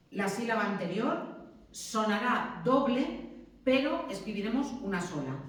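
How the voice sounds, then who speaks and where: A woman teacher giving a classroom lecture, explaining step by step and checking in with "¿mm?" and "¿sí?". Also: fairly high pitch. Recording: very echoey classroom, mic far off.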